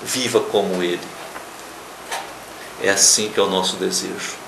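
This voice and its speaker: Male preacher delivering a TV sermon, emphatic with sudden loud stresses, roomy sound, faint ambience behind. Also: deep voice, fairly even intonation, normal speed, gravelly, noisy background. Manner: emphatic, swings between loud stresses and quiet asides. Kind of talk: sermon on a local TV program.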